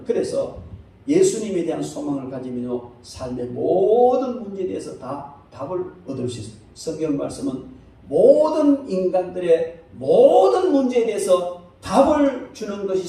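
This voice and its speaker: A man preaching a Sunday sermon as pastor, swinging between loud, high exclamations and low, quiet asides. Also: very animated, normal speed, gravelly, distant mic. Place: church sanctuary. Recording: echoey church hall, speaker away from the mic.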